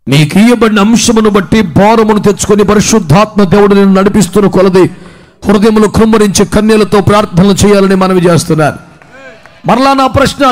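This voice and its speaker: A man preaching a sermon as pastor, firing off rhetorical questions and scolding the congregation. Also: extremely high pitch.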